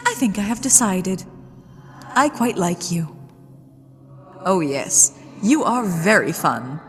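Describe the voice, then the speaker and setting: In long, ghostly reverb over music, a woman acts out the genteel lady ghost of a haunted manor for an ASMR roleplay. She is coy and flirtatious, drawing out her words slowly with aristocratic mischief. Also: medium pitch. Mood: possessive, playful. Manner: coy, aristocratic, teasing, slow and deliberate.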